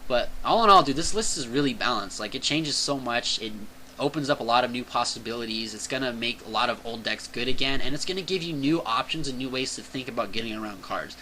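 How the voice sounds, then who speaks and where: A young man casually talking through a card game list for his channel, excitable and chatty, peppering his talk with "dude" and "like". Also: medium pitch, fast, a little hiss or hum, low-quality recording. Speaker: channel host reviewing card game banlist. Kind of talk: casual enthusiastic commentary.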